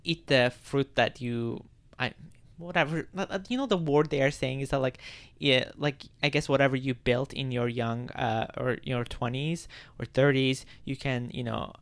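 A man's voice: mid-range voice, normal speed, creaky, dry recording. A young man hosting a solo podcast, musing in a rambling, reflective way with many filler words. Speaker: podcast host. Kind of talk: casual solo podcast monologue.

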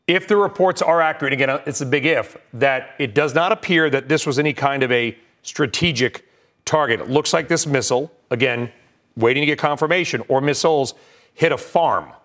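An American man anchoring live business news, giving rapid market updates and breaking-news commentary in short, clipped phrases. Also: medium pitch, a bit bright.

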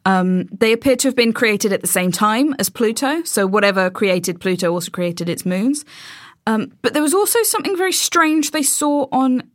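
A woman's voice: fairly high pitch, normal speed, no echo, clean studio sound. A woman explaining space science in casual chat, with many ums and restarts.

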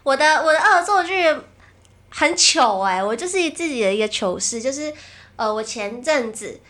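Chatty woman on a podcast, high bright voice, easygoing. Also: animated, normal speed. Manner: chatty, laughing asides. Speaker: podcast co-host. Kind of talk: casual chat.

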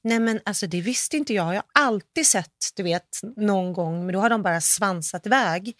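A woman's voice: mid-range voice, no echo, clean studio sound. A woman in casual chat with a friend, telling a story vividly and acting out what people said. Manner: animated storyteller who acts out quoted speech. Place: abroad in a city with coyotes.

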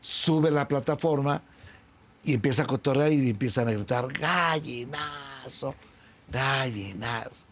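A man's voice: normal speed, background noise. A middle-aged man with a Mexican accent, an interview guest who tells an anecdote and acts out the remembered dialogue himself. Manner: acts out both sides of remembered dialogue with big pitch swings. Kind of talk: storytelling in an interview.

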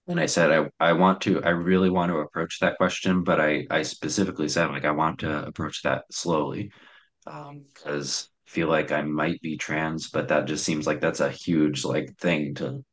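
A young man with a very deep but fairly bright voice tells his own story at normal speed. He sounds hesitant and reflective, with many fillers and restarts.

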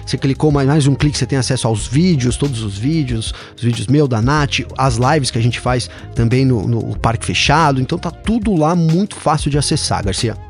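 A man's voice: mid-range voice, fairly quick, hardly any pauses, soft background music. A man with a Brazilian accent co-hosting a podcast, chatting in an easygoing way and often checking in with his co-host. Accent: Brazilian Portuguese. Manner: easygoing, peppers speech with tag questions to his co-host. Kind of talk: casual chat.

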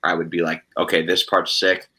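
A man who is a guest musician on a podcast, rambling in a relaxed way with many fillers. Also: low-pitched, brisk, rough recording. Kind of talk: casual interview chat.

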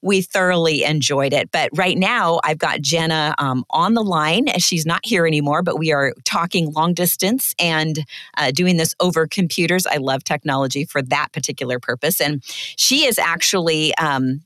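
Middle-aged woman, deep pitch, dry closet sound, casual rambling host talk. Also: moderate pace, fairly bright tone, no echo. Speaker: podcast host. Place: small walk-in closet at home.

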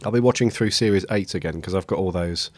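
A man hosting a casual podcast, his voice croaky and raspy from a head cold, a touch of man flu. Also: sits low, fast, no room sound. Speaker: podcast host.

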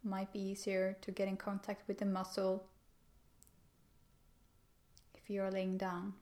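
In a gentle, calm voice, a woman leads a meditation, her mid-range pitch staying nearly flat for an even, steady delivery. She offers simple instructions unhurriedly, pausing between phrases.

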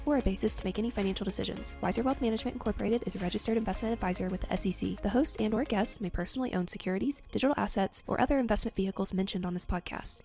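Brisk woman reading a fast legal disclaimer. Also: mid-range voice, darkish tone. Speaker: podcast announcer. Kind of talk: scripted narration, podcast outro and legal disclaimer.

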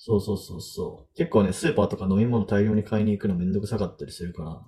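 A man's voice: lowish voice, fairly even intonation, fast, mellow. A man hosting a podcast in a casual, chatty way, thinking aloud with fillers. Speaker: podcast host.

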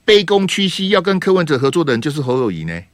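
A man hosting a call-in radio talk show, teasing and grilling his caller with rapid-fire questions. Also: fairly high pitch, big pitch swings, no room sound, studio quality. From Taiwan.

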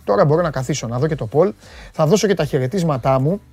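A man hosting a live sports show, chatting casually and teasing his viewers in a loud, rough voice. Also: on the high side, lively intonation. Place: studio.

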